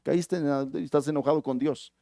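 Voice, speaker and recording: A preacher playing a calm, probing counselor pastor. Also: male voice, fairly high pitch, fast talker, creaky, no echo, clean studio sound. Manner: calm, questioning, soft-spoken.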